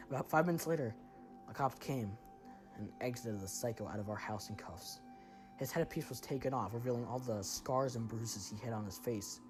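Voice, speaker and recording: A man narrating a first-person horror story in a tense, dramatic way. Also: medium pitch.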